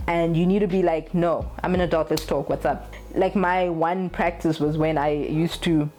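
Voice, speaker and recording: Low-voiced, blunt young woman vlogger. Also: steady tone, moderate pace, dark tone. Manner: candid, blunt, swears freely, laughs often. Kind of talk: casual talk to camera.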